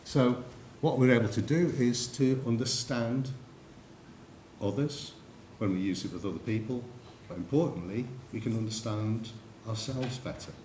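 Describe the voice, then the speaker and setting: A man's voice: medium pitch, moderate pace, darkish tone. A man with an English accent giving a conference talk, telling anecdotes and speaking directly to the audience. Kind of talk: presentation to an audience. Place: lecture room. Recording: echoey lecture room, faint noise.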